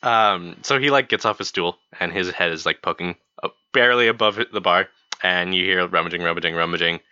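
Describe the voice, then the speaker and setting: A man's voice: low-pitched, brisk, sharp tone, clean tone, no echo, dull audio. A man narrating as game master of a tabletop game, casual with many fillers. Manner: casual, filler-heavy, laughing.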